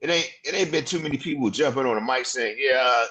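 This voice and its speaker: A man in his fifties hosting a casual interview, excitable and rambling, full of slang. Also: medium pitch, fairly quick. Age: 50s. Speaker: podcast host.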